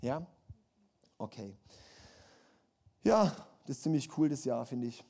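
Passionate preacher, mellow voice. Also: male voice, medium pitch, lively intonation, slow pace, vocal fry. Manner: passionate, rising to emphatic calls with repeated phrases. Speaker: pastor. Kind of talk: sermon.

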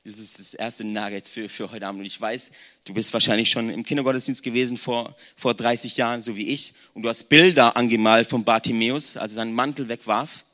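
A man around forty preaching a lively sermon in a conversational tone, speaking straight to the congregation. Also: medium pitch, a little fast. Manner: conversational, addresses the congregation directly, mixes in English slang words. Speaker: pastor.

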